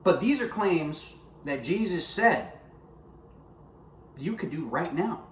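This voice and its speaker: A man's voice: a little high, animated, takes it slowly, a little hiss or hum. A man earnestly sharing his personal faith testimony to camera and talking straight to his viewers. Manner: earnest, conversational, addresses viewers directly. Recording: roomy echo with faint ambience.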